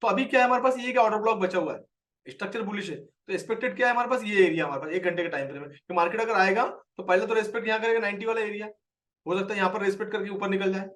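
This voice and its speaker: Indian male trading tutor, rapid, slightly off-mic, answers viewers by name. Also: high-pitched, a bit bright, far from the mic. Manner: explains a chart, quizzes viewers by name. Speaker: trading teacher. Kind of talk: live market lesson.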